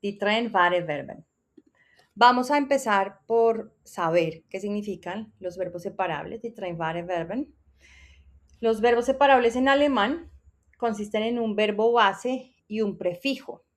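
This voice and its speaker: A woman giving a scripted German lesson, explaining grammar in a clear teaching tone and slowing down to pronounce example sentences carefully. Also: medium pitch.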